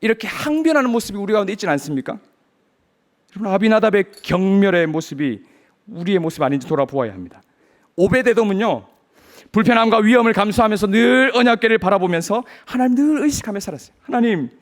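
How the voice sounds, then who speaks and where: High-voiced male pastor preaching. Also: animated, fast talker. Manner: earnest preaching, rhetorical questions. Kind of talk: sermon.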